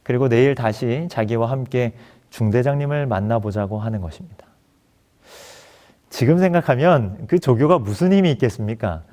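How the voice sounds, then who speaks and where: Male pastor, sermon testimony, earnest storytelling, middle-pitched voice, acts out dialogue. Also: animated, moderate pace, mellow.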